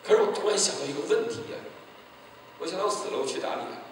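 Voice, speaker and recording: A male pastor from mainland China, telling a story in an evangelistic sermon, acting out dialogue and breaking into loud exclamations. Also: high voice, expressive, fast, a little hiss or hum. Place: large church hall. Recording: echoey hall, voice picked up from a distance.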